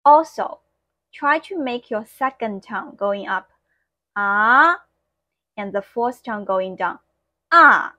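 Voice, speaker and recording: A woman whose first language is Mandarin Chinese speaks English with a Mandarin accent, teaching an online lesson slowly and clearly and demonstrating tones. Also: mid-range voice, expressive, dry recording, lo-fi sound.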